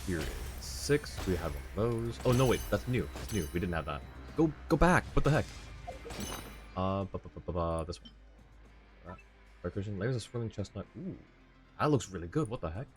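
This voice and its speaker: Faint game music plays as a man casually comments on his live game stream from an indoor setup, musing aloud over the screen and the chat. He talks fairly quickly in a low, sing-song voice.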